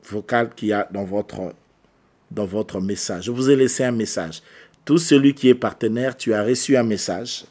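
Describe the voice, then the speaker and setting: A male pastor in the middle of a sermon, speaking in a mid-range voice. He repeats key phrases for emphasis and moves between quiet, low asides and louder, insistent stretches. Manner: repeats phrases for emphasis, swings from soft to loud.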